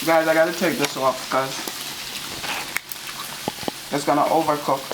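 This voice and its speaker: A woman's voice: deep voice, steady tone, measured pace, background noise. A woman co-hosting a food vlog, chatting casually while she cooks. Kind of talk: casual chat while cooking. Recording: loud sizzling food close by. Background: frying and sizzling on a grill.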